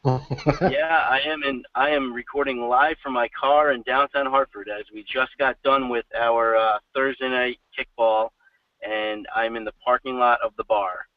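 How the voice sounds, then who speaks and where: A man guesting on a podcast over a call from his parked car, chatting in a relaxed, joking way. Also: mid-range voice, unhurried. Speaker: tournament organizer and guest. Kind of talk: casual live-stream chat. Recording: distant, dull audio from a car.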